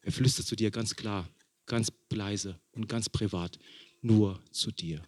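A man preaching a sermon in German, a father, who builds emphasis with repeated phrases and questions to the congregation and drops to a hushed tone for intimate points. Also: lowish voice, steady tone, a little slow, no room sound. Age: young adult or middle-aged, father of a small son. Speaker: pastor.

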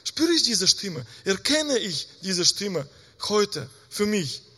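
Earnest halting male preacher. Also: high-pitched, very animated, pushed and bright. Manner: earnest, halting, with many pauses and restarts. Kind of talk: sermon. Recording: reverberant hall with faint music.

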